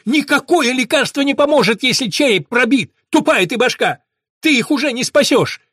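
A man reading an audiobook, voicing a frightened young man who yells in a high, strained voice. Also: expressive, normal speed, no echo, clean studio sound, full character voice. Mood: shouting. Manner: shrill, yelling. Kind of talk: audiobook character voice.

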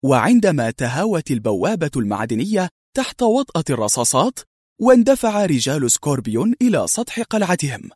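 A man narrating an audiobook thriller with dramatic, animated storytelling. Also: on the high side, fairly quick, breathy edge, no echo, studio quality.

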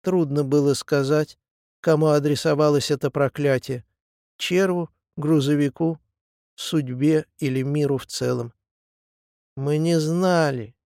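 A man narrating a book in an even, measured reading. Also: a little high, gravelly, no echo, studio quality. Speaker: audiobook narrator. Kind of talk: scripted narration.

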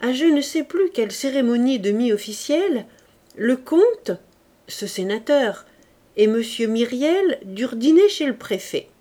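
Woman narrator for a classic novel audiobook, unhurried and expressive. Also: a little high.

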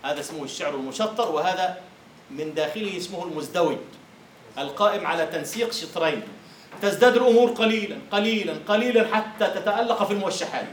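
A man lecturing on Arabic prosody in a classroom, teasing his students and slowly chanting verse syllables. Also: high-pitched, animated. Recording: roomy lecture hall echo, faint hiss.

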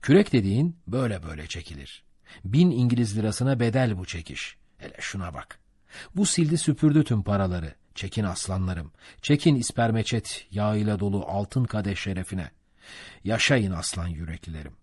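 A man's voice: lowish voice, lively intonation, brisk, darkish tone, slightly rough, no echo, studio quality. A man playing a jovial, coaxing boat mate. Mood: rousing. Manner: coaxing, preachy, rousing.

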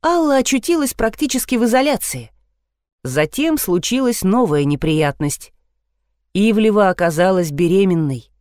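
A woman reading a novel aloud in the first person at a steady, even pace. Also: mid-range voice, normal speed, no echo, studio quality. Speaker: audiobook narrator.

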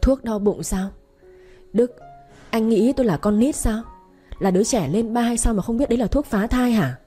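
A woman's voice: medium pitch, lively intonation, fast, warm tone, husky, soft background music. A woman voicing Duyên, a furious young wife. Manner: raised, accusing delivery.

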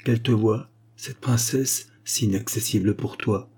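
A man voicing a devoted aging scribe, earnest, reproachful, mellow, breathy, audiobook tale. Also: fairly low pitch, unhurried. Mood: pleading.

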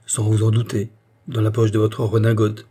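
Audiobook role: man voicing a sharp, self-assured detective, dark husky tone. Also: fairly low pitch, completely flat delivery. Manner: brisk and assured. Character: shrewd, brisk male detective. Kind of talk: audiobook character reading.

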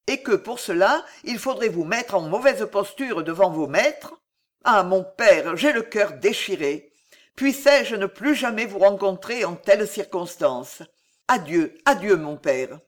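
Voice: medium pitch, animated, a little slow. A reader voicing an earnest young knight pleading with his father, fervent and grieving. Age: young adult. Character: young male knight, earnest and tormented son. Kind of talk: audiobook reading.

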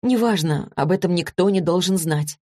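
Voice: medium pitch, normal speed, darkish tone, no echo, clean studio sound, natural voice. A reader voicing a grown woman who answers curtly and keeps her plans secret in an audiobook. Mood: guarded. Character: grown woman, guarded and tense.

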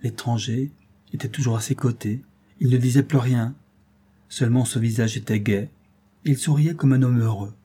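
A man reading a classic tale aloud as an audiobook, in a measured, dramatic manner. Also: medium pitch, fairly even intonation, mellow, husky. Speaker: audiobook reader. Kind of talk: scripted narration of a classic tale.

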